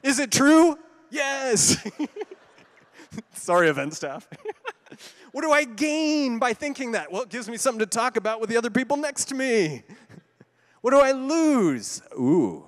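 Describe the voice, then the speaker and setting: A high-voiced man talks from a conference stage, animated and conversational. He throws in playful asides to the room. The large hall adds a long reverb to his voice. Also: unhurried, pauses often. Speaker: keynote speaker. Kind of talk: conference keynote talk.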